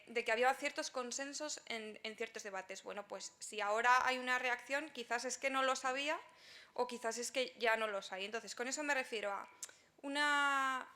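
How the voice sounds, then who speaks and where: A woman columnist speaking as a panelist in a round-table debate, halting, with many restarts. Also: high-pitched, bright, forceful tone.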